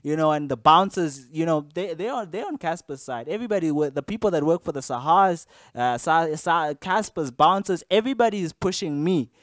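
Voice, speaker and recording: A man's voice: fairly high pitch, animated, a little fast, few pauses, no room sound, clean studio sound. A young man casually recounting to camera something that happened to him at an interview, rambling along with lots of fillers and restarts.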